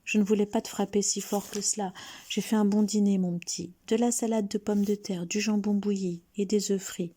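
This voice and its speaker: A woman's voice: medium pitch, steady tone, normal speed, warm tone, close to an everyday voice. Woman doing a stern but loving aunt. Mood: tender. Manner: pleading and tender.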